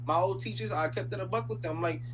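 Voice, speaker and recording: A young man from the Dominican Republic talks in a rather high voice, rambling and swearing freely in street slang. He speaks through a video chat mic, with a loud hum behind him. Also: fast. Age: young adult. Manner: slangy, swears a lot, rambles with many fillers. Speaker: random video chat stranger. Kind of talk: casual rant in a video chat. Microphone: video chat computer mic.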